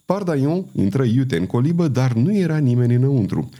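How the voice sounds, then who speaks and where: A man narrating a novel as an audiobook, in a measured, expressive storytelling manner. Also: medium pitch. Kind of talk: audiobook reading.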